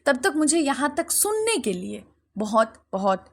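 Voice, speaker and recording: A woman's voice: sits high, big pitch swings, a little slow. A woman hosting a spiritual explainer, speaking earnestly and directly to the viewer in a narrated voice-over. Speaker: channel host explaining a mantra. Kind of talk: narrated explainer in Hindi with English words. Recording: voice-over with clear background music.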